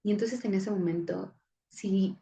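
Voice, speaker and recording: A woman's voice: mid-range voice, fairly even intonation, unhurried, creaky, dark tone. A woman giving a psychology class lecture in a conversational way, with frequent fillers and restarts. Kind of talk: recorded class lecture with anecdotes. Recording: dull lo-fi recording.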